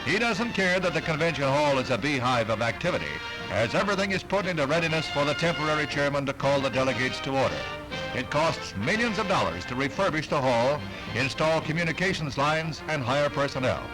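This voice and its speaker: Male old-newsreel announcer, slightly high voice, formal delivery, music bed underneath. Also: animated, brisk, rough recording. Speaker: newsreel narrator. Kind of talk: 1960s newsreel narration. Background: music under the narration.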